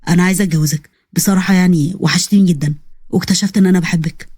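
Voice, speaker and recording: A gruff, short-tempered young Egyptian police officer, played by a woman storyteller, his voice pushed low and blunt. He scolds in quick, exasperated bursts. The storybook recording sounds dry and close. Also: steady tone, dark tone, no room sound. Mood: firm. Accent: Egyptian Arabic.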